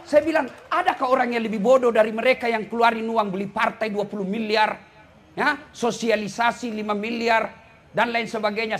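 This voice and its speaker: A male preacher with a Makassar Indonesian accent and a very high, bright, forceful voice. He teases and scolds his listeners in a lively sermon, with faint noise of the venue behind him. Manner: teasing, scolding the audience with jokes.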